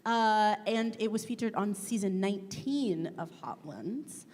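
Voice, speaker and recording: A woman's voice: mid-range voice, measured pace, darkish tone. A woman acting as event host, playfully announcing rounds and reading out questions. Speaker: host of a hot wings question challenge. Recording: echoey hall, noticeable room noise.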